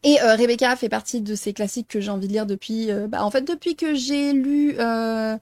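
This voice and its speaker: A woman's voice: fairly high pitch, fairly quick, a little mellow, no echo, studio quality. A young woman chatting casually about her reading plans in a vlog, talking in loose, self-correcting sentences full of fillers. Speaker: book vlogger.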